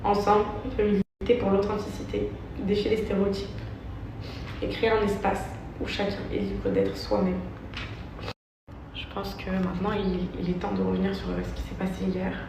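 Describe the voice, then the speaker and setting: A young woman reading a personal statement to her followers as an earnest, halting apology. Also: medium pitch, little pitch movement. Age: young adult. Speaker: social media influencer. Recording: noisy, very echoey, distant microphone.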